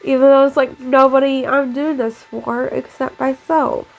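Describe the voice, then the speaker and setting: Talking at normal speed in a high-pitched, level voice with vocal fry, a young woman with a stuffy cold narrates her game build. She's chatty and meandering, full of "like" fillers. The recording is rough, and faint music plays in the background.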